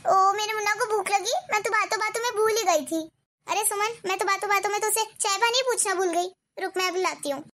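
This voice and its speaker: Woman doing a sad sweet cartoon granny, high bright voice, soft and pleading. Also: fast. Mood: sorrowful. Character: gentle widowed grandmother, sad and patient. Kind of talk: cartoon voice acting.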